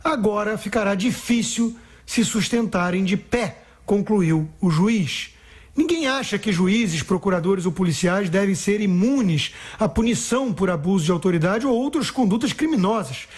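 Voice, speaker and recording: Husky-voiced man giving radio commentary. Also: sits high, lively intonation, moderate pace. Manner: firm, emphatic, reads a prepared text. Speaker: political commentator. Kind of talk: scripted radio opinion commentary.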